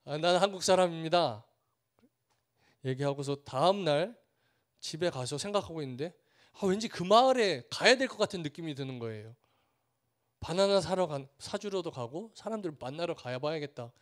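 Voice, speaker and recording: A man's voice: fairly high pitch, expressive, moderate pace. A man preaching a sermon as a missionary, earnest, building through repeated phrases and acting out the villagers he meets. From Korea. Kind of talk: sermon with storytelling.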